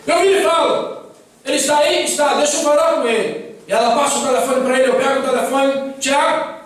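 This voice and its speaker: Brief: male preacher, high voice, dramatic testimony, recorded far off in a very echoey church hall. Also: brisk. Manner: dramatic storytelling, acting out quoted dialogue. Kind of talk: sermon testimony.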